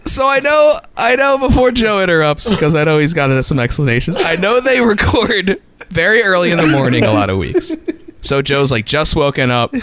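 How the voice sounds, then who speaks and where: A young man co-hosting a podcast, telling a story in casual chat, animated and swearing. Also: a little high, normal speed, dry recording. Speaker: podcast co-host.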